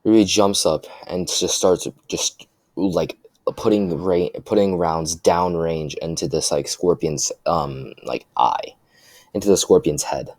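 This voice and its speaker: A young man with a low, deep voice improvises a fan story aloud. He stumbles through restarts and fillers as he goes. The sound is close and dry, with no room echo. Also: darkish tone. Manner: halting, full of restarts and fillers.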